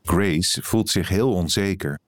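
Guy with a real low voice reading an article out loud, calm and even, super dry close mic. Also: slow pace, no echo. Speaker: editor-in-chief reading an article aloud. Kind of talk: scripted narration.

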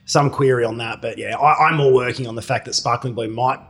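A man's voice: mid-range voice, steady tone, fairly quick, fairly bright tone, breathy edge. An Australian man co-hosting a racing podcast, giving confident, emphatic tips in casual chat.

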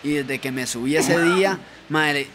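A man's voice: a little high, a little slow, noisy background. A man with a Costa Rican accent, a rapper guest telling a story in casual, slangy chat. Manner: animated, slangy, swears freely.

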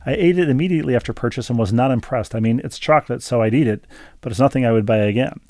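A man's voice: medium pitch, rapid-fire, mellow, no echo. A man co-hosting a casual podcast, reading listener letters aloud with chatty asides. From Minnesota. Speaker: podcast co-host.

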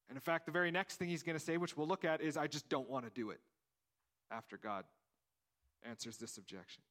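A pastor preaches conversationally, acting out the story's dialogue and often repeating words and restarting phrases. His voice is a little high and a bit bright.

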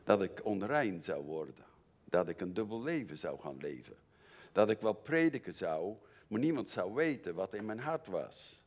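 An older man preaching a sermon in an earnest way, moving from quiet confession to emphatic warnings. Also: low voice. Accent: Dutch.

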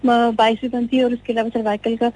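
Phone line पर ऊँची आवाज़ वाली महिला collar. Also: female voice, on the high side, flat delivery, fast, darkish tone. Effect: heard over a phone line. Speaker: caller. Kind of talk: radio call-in, giving health tips.

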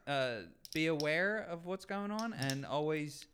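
A man's voice: a little high, expressive, a little slow, a bit bright, a little hiss or hum. A man co-hosting a casual podcast, joking and blunt, swearing freely. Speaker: co-host. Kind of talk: casual chat.

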